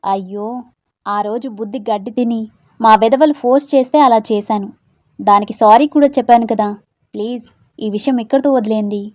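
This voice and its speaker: A stubborn young woman who protests sharply and pushes back, voiced by a woman narrator. Her voice is a bit high and warm. It is recorded close and dry. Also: fairly quick, pauses often, dry recording, lightly acted. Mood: pleading. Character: young woman Tara, stubborn, irritated, scared of water.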